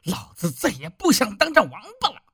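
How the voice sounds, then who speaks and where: A man's voice: sits high, wildly swooping pitch, a little fast, gravelly, husky, no room sound, studio quality, pitched above the performer's own voice, exaggerated voice. A man doing a drunk, furious village husband. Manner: shouting, bitter.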